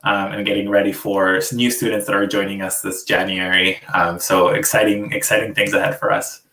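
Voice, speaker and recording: A man's voice: sits low, flat delivery, a little fast, sharp tone. A man from Venezuela working as an international student recruiter, presenting in an upbeat, fluent way with some fillers. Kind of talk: webinar presentation. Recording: roomy distant webinar audio.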